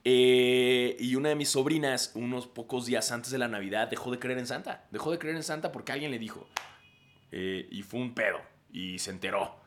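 A man's voice: mid-range voice, normal speed, slight background noise. A man in his thirties with a Mexican accent, a podcast host telling a story casually with lots of slang and laughter. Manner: animated, slangy, laughs often.

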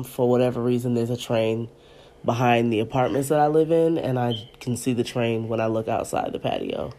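A woman in her thirties hosts a podcast from her apartment, chatting loosely with listeners and reading aloud. Her voice is extremely low-pitched and darkish, sounding stuffy and congested.

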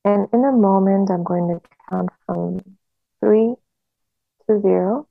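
A woman guiding a hypnosis relaxation in a slow, soothing hypnotist manner with long pauses, on a narrow phone-like recording. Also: mid-range voice, vocal fry, no echo, soft background music.

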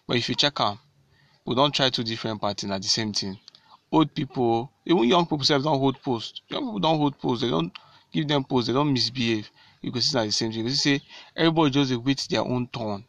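A man's voice: mid-range voice, fairly quick, fairly bright tone, no echo, highs cut off. A man with a Nigerian accent speaking directly to fellow citizens in a civic talk, repeating key phrases and answering his own questions.

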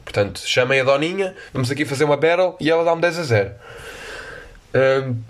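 A man's voice: medium pitch, expressive, brisk. A young man with a European Portuguese accent telling a rambling, self-mocking story in casual, slangy talk. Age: young adult. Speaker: podcast host.

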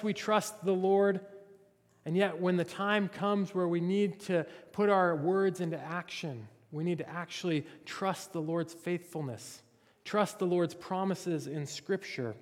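Brief: male pastor, earnest expository sermon, voice pitched high for a man, long hall reverb. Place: church sanctuary. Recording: reverberant church sanctuary.

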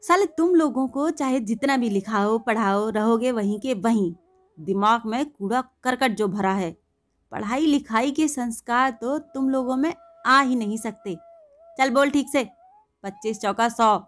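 A woman voicing a short-tempered male village schoolmaster who scolds and shouts abuse at a pupil. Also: on the high side, a little slow, lightly acted. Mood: angry scolding.

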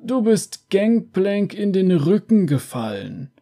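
A condescending male official from a video game speaks in a higher register with a dark, mellow tone, put on by a man. He talks down to his captive and sounds falsely friendly. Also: very animated, slow, full character voice.

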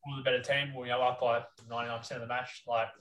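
A man's voice: mid-range voice, flat delivery, very fast, fairly bright tone, a little hiss or hum. A man with an Australian accent hosting a casual sports chat. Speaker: podcast host. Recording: roomy echo, distant microphone.

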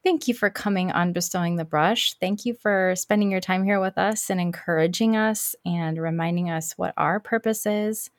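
A woman's voice: lowish voice, normal speed, hardly any pauses, dry recording, clean studio sound. A woman hosting a podcast, chatting casually with a guest in a gushing manner. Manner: warm, gushing, with restarts. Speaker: podcast host. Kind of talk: casual interview chat.

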